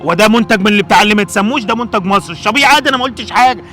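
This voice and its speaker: Give me a man playing a stern middle-aged Egyptian father in a web skit, talking in a high, rapid stream as he lectures his children. He scolds without pause, and soft music runs under the voice. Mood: scolding. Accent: Egyptian Arabic.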